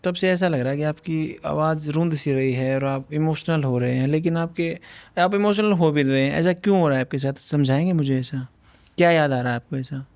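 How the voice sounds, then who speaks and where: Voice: medium pitch, fairly quick, a little mellow. A podcast interviewer asking probing, teasing questions.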